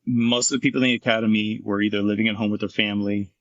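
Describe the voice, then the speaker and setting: A man's voice: on the low side, flat delivery, rapid-fire, fairly bright tone, dry recording, dull audio. A middle-aged man, a former firefighter and paramedic, telling his story frankly and intensely in an interview, swearing freely.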